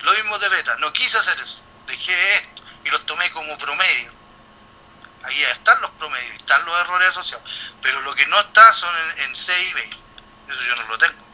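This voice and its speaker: Bright-voiced man teaching a class. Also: on the high side, animated, a little fast, low-quality recording. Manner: thinking aloud, with many restarts and rhetorical questions. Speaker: university lecturer. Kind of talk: classroom explanation.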